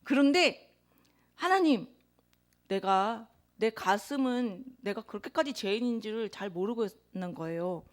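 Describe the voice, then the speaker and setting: A woman preaching a sermon, telling a personal confession in an earnest tone with emphatic swells of loudness. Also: mid-range voice, lively intonation, unhurried. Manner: introverted by her own account.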